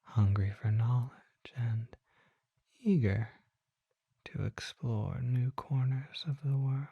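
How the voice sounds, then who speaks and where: Voicing a polite, curious vampire apothecary in an ASMR piece, the performer keeps things soft and mostly whispered, with an elegant, slow, reflective manner of speaking. The mid-range voice is gravelly and slightly rough, and the acting is exaggerated. No room sound comes through, and the high frequencies are cut off.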